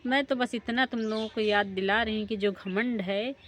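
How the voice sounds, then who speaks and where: A woman voicing an outspoken, proud matchmaker woman who mocks and lectures loudly. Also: steady tone, moderate pace, slight background noise, close to an everyday voice. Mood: lecturing. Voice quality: loud, high-pitched and scolding. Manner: mocking, lecturing.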